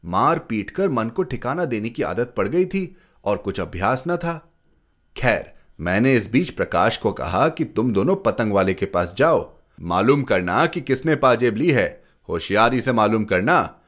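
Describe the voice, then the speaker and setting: A man hosting a story podcast, reading a first-person tale aloud with dramatic expression. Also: lowish voice.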